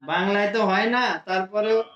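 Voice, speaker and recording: Male Quran teacher who drills letters slowly, with a bright, echoey sound and faint music underneath. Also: high voice, dull audio, slight background noise. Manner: slow, drawn-out letter drills for students to repeat. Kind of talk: adult Quran reading lesson.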